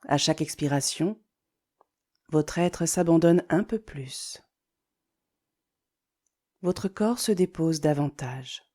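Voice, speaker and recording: A woman guides a yoga nidra relaxation in a low voice, offering slow, calm, soothing instructions broken by deliberate pauses.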